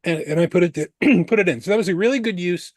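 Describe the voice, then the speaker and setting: A man's voice: high-pitched, fast, dry recording. A man debating on an analyst panel, laying out his points one by one with frequent restarts.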